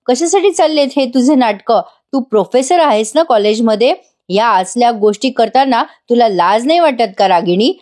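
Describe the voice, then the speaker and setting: A woman's voice: fairly high pitch, lively intonation, normal speed, a little mellow, lightly acted. A woman voicing a stern, angry husband. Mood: angry scolding. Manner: stern, scolding.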